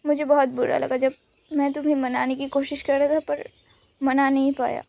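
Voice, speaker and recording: A woman voicing a young man in a romance story, tearful and remorseful, speaking softly and haltingly. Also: sits high, little pitch movement, vocal fry. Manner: soft, halting and apologetic.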